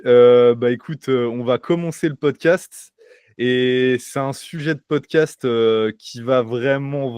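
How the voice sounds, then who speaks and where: A man's voice: medium pitch, a little mellow, smooth, no echo, studio quality. A man hosting a casual podcast, talking loosely with many fillers and restarts. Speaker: podcast host. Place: home by the sea.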